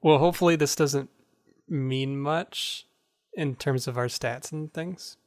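A man's voice: a little high, slow pace, no echo, studio quality. A man reading game text aloud as narrator in a casual playthrough, without putting on character voices.

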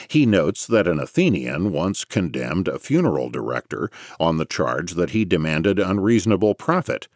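A man's voice: low-pitched, no room sound, studio quality. A man narrating scripted nonfiction as an audiobook reader, in a formal, scholarly lecturing manner.

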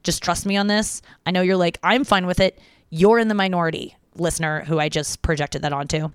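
Dry, smooth-voiced woman podcaster. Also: fairly low pitch, flat delivery, fairly quick, no echo. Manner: chatty, frank and profane, reading listener messages aloud. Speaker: podcast host. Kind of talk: casual chat.

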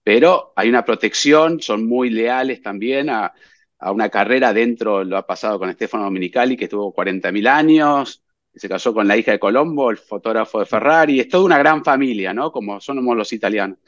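Animated man, dull dry mic. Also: on the low side, fairly quick, dry recording. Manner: animated storyteller, chuckles often, fillers like eh. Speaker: podcast co-host. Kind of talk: casual chat.

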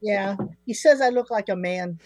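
A woman's voice: mid-range voice, moderate pace, dry recording. An older woman co-hosting a radio show from home in casual, chatty, playful talk. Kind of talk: casual chat. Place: home studio.

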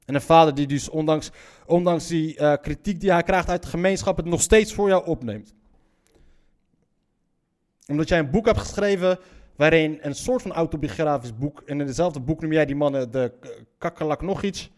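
A man whose voice is on the high side and a little mellow, at a moderate pace, gives reaction commentary on a story he reads aloud. He's blunt and incredulous, swearing and stumbling over words he repeats.

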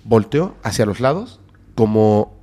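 A man with a Mexican accent, a podcast guest telling a frightening story with dramatic whispers and sudden loud bursts. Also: lowish voice, animated, measured pace.

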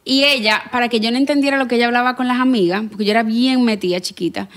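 A woman chatting casually on a podcast, talking in an expressive, chatty way. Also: a little high, fast. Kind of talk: casual chat.

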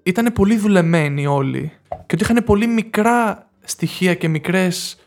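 A man's voice: high voice, soft background music. A young man co-hosting a podcast, chatting casually about films and agreeing often. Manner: agreeable, frequent affirmations. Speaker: podcast co-host. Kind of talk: casual film chat.

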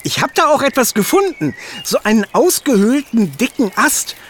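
An actor playing Hugo, an excitable, fretful animal in a children's audio drama, talking in a rush of worry. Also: male voice, extremely high pitch, moderate pace, heavily acted. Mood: storytelling. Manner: anxious, excitable, eager. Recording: audible background noise.

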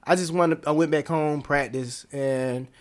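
A man in a casual interview, talking about dance in a relaxed, rambling way full of fillers and slang. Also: on the high side, measured pace. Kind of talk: casual conversation.

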